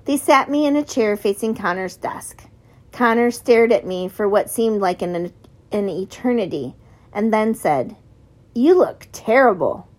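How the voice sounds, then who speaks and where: A woman's voice: mid-range voice, a little slow. A woman reading a novel aloud as an audiobook narrator, giving the characters slight shifts in voice.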